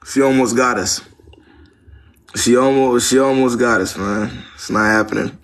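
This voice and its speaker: A man's voice: medium pitch, fairly even intonation, normal speed, a bit bright. A young American man hosting a casual live advice chat, blunt and slangy, repeating phrases for emphasis. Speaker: live stream host giving dating advice.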